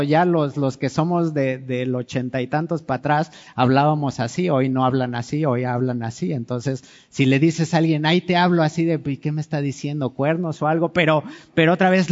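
A man preaches in a relaxed, conversational way, putting question after question to his listeners. His voice sits a little high for a man, and a long reverb trails it through a dull, muffled recording. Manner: conversational, asks the congregation questions. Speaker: pastor. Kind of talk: sermon.

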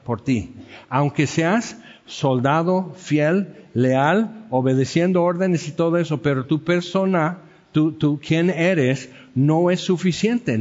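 A man's voice: on the high side, darkish tone, big-room sound, muffled recording. A man preaching a sermon, telling stories and acting out the quotes in them. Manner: storytelling with acted-out quotes. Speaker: pastor.

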